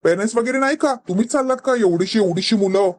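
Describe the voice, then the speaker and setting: A man's voice: sits high, quick pace, lightly acted. A man voicing a pushy, nosy woman who fires prying, needling questions to stir up a quarrel.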